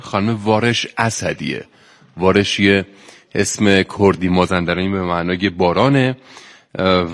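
A man introduces the next contestant in a formal, scripted way. His voice sits very low, and a long hall reverb trails after every line. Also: a bit bright. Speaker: show announcer.

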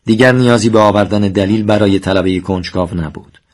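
Male narrator with a somewhat low voice for a steady, solemn reading of a war memoir.

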